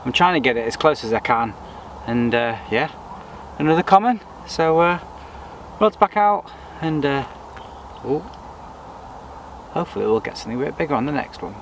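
Speaking at normal speed in a mid-range voice, an angler vlogger chats casually about his fishing on a lakeside bank, talking through each step in a relaxed way. Faint outdoor sounds reach the camera, which sits on the bank in front of him.

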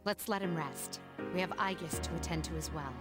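A woman voicing a composed, formal young woman leader in a video game, speaking quietly and in control. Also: fairly low pitch, a little fast, close to an everyday voice. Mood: serious. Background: game music.

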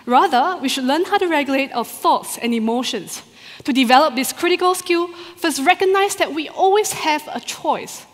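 A woman doctoral researcher giving a rehearsed competition talk to a live audience in a large hall, expressive and full of rhetorical questions. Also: high voice, moderate pace. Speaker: doctoral researcher presenting her thesis. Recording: long hall reverb.

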